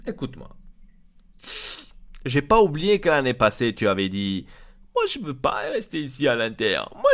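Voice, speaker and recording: A man's voice: medium pitch, fairly bright tone. A man voicing a blunt, crude male football club boss who scolds his players, in an Italian accent.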